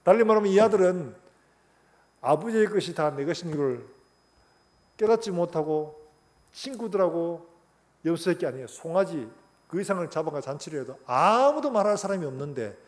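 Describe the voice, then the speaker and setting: A man's voice: a little high, lively intonation, normal speed, long pauses. A middle-aged man preaching a sermon as pastor, telling a story animatedly and acting out its voices.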